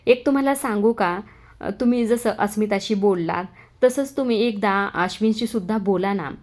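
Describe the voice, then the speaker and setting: A woman's voice: medium pitch, moderate pace, a little mellow, close to an everyday voice. A woman voicing a tearful middle-aged mother, hurt and pleading, in a serial recap. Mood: affectionate.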